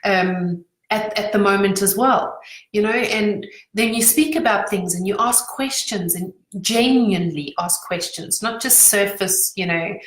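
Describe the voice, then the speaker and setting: A middle-aged woman giving casual advice as a business coach, chatty and acting out quick quoted voices, her voice a little worn. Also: mid-range voice, roomy sound, rough recording. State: slightly losing her voice. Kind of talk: casual talking-head advice.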